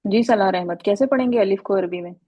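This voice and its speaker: A woman's voice: mid-range voice, fast talker, slightly rough, no echo, dull audio. Woman teaching an online class. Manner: patient, questioning students by name. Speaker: Arabic teacher. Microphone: video call.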